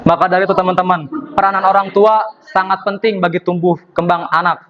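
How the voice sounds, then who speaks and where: Young man doing stand-up, high voice. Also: fairly even intonation, fast talker, lo-fi sound, a crowd in the background. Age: young adult. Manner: acts out dialogue, switching voices for characters. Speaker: student comedian. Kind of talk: stand-up comedy. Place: performance room at a university.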